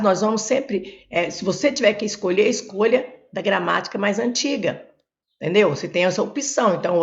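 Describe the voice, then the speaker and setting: A Brazilian woman teaching grammar for exam prep, explaining step by step and repeating terms, while she has a cold. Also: on the low side. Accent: Brazilian Portuguese. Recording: dull lo-fi recording.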